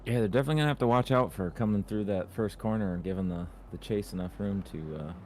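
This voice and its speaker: A man co-commentating a live esports racing event in a relaxed, rambling way. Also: on the low side, quick pace, slight background noise. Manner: relaxed, rambling, filler-heavy.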